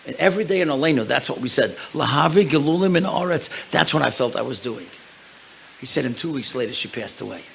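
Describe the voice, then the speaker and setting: A man's voice: mid-range voice, quick pace, gravelly, a little hiss or hum, rough recording. A man, a rabbi and lecturer, telling stories in a lecture at a synagogue event and acting out the people in them. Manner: animated storyteller, acts out the people in his stories. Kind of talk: storytelling lecture.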